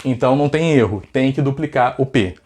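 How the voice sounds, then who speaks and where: A man's voice: mid-range voice, fairly quick, darkish tone. A man with a Brazilian accent teaching English in a casual video lesson, chatty and full of rhetorical questions. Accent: Brazilian Portuguese.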